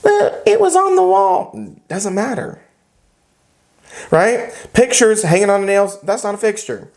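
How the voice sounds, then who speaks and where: A man with a drawl teaches a classroom of real estate students. He lectures in an animated, joking way and slips into little acted-out scenes. He talks to the room as he goes. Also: high voice, a little slow, creaky. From United States. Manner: animated, joking, acts out characters.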